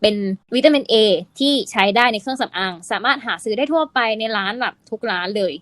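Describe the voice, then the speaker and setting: A woman co-hosting a podcast, explaining skincare in an animated, teasing chat style. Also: fairly high pitch, quick pace, no room sound. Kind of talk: casual chat.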